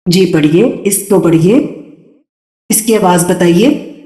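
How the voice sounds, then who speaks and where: A woman's voice: lowish voice, dark tone, roomy sound. Encouraging woman teaching Quran recitation. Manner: patient, encouraging, repeats words slowly for students. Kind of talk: online tajweed class. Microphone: computer mic in an online video class.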